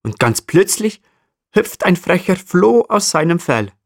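A man narrating a children's story gently and speaking directly to the listener. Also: sits high, sing-song, measured pace, no room sound, clean studio sound.

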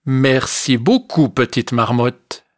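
A storyteller voicing a proud, grumpy and lonely male ibex who grumbles slowly in a low voice. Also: close to an everyday voice. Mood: sorrowful.

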